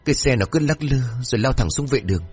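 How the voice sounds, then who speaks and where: A man's voice: mid-range voice, animated, fast talker, breathy edge, soft background music, voice pushed up. A man voicing a terrified young son, injured and haunted, telling his parents what he saw in a trembling, pleading voice.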